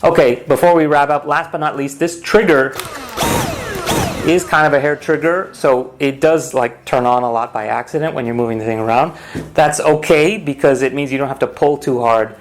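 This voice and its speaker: A man's voice: medium pitch, moderate pace. Regular guy doing a casual product review, rambly and matter of fact, mid voice, noisy home recording. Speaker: host of a product unboxing vlog. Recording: home recording with clear noise and clicks.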